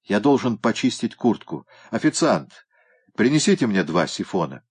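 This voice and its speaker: A man doing a dry, matter-of-fact gentleman. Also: on the low side, very animated, moderate pace, husky.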